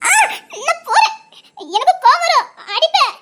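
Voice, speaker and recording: A woman's voice: very high-pitched, expressive, fast talker, slight background noise. A woman voicing a timid young woman who pleads and stammers in an amateur audio drama. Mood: defiant. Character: timid young woman, scared yet stubborn. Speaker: young woman resisting a suitor.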